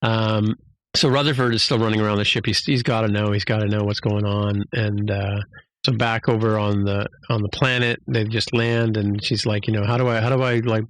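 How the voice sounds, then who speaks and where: A man hosting a podcast, retelling a show scene by scene in a loose, rambling way. He keeps stopping to restart his sentences and jumps into little acted-out lines from the characters. His voice sits a little low and sounds dry and close. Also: little pitch movement, fairly quick, no room sound, rough recording. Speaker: podcast host. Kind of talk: casual episode recap.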